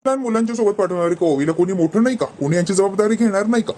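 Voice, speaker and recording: A man's voice: high-pitched, racing, mellow, slight background noise, natural voice. A man voicing a pushy, nosy woman who fires prying, needling questions to stir up a quarrel.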